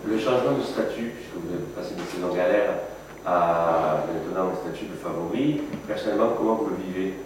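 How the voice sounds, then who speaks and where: A man's voice: deep voice, brisk. A man working as a sports journalist, asking a question at a press conference, picked up from across the room. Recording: distant, echoey, noisy room pickup.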